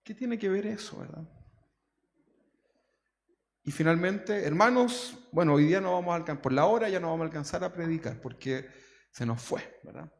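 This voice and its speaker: With vocal fry, frequent pauses, normal speed and a fairly high pitch, a male pastor from Chile gives a chatty sermon full of tag questions to his congregation. Long reverb from the church hall hangs on his words.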